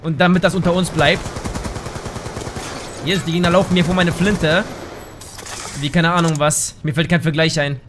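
A man giving casual gameplay commentary, excitable, yelping and swearing at the game into a desk microphone at home. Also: on the high side, normal speed, pauses often, background noise. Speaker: gaming YouTuber.

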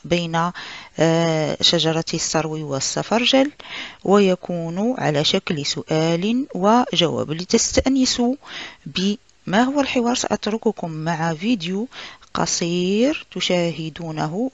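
A woman teacher leading a recorded online lesson, speaking slowly and carefully in an instructive way. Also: fairly low pitch, no room sound, highs cut off. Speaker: primary school teacher.

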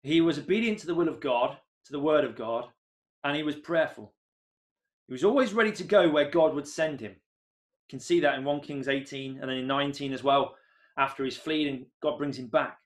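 A man in his thirties preaching an earnest sermon from a room at home into a webcam, rising to excited emphasis on key points. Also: on the high side, moderate pace.

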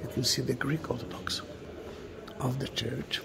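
A middle-aged man giving an unhurried walking tour of a large stone church, musing aloud and often dropping to a hushed whisper. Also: medium pitch, flat delivery, vocal fry. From Israel. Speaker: tour guide. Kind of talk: walking video tour narration.

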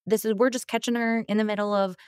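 A woman's voice: mid-range voice, flat delivery, darkish tone, clear, resonant tone, dry recording, clean studio sound. A woman co-hosting a political podcast, talking casually and restarting her thoughts as she goes. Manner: conversational, quick asides and restarts. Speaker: podcast co-host.

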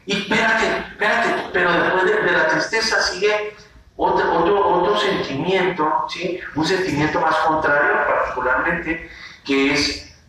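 A high, bright-voiced man teaches preschoolers and slips into playful voices to act out feelings. The room is very echoey, he is some distance from the mic, and there is a faint hiss behind him. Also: a little slow. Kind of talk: animated lesson to young children. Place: classroom.

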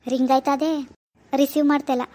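A woman's voice: high-pitched, level tone, mellow, natural voice. Woman voicing Arun, a young cartoon husband. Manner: fast, chatty, reassuring. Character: young village husband, easygoing, jobless and broke. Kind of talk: cartoon voice acting.

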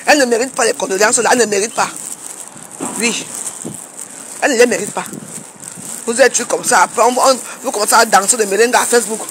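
A woman's voice: on the high side, fast talker, pauses often, fairly bright tone, slight background noise. Woman vlogger, combative scolding tone, filmed walking outdoors with faint birdsong behind. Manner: combative, scolding with rhetorical questions. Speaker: social media commentator. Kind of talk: casual vlog rant.

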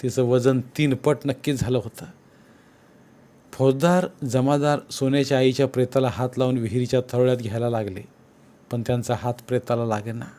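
A man reads a novel aloud for an audiobook. He tells the story in a steady, earnest way. His voice sits at a middle pitch. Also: fairly quick. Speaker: audiobook narrator.

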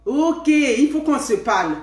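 A woman's voice: sits high, unhurried. Middle-aged woman, Ivorian French accent, chatty live-stream host, keeps asking "hmm?", echoey room at home. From Ivory Coast. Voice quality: lively, punctuated by questioning "hmm?". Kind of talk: casual live chat.

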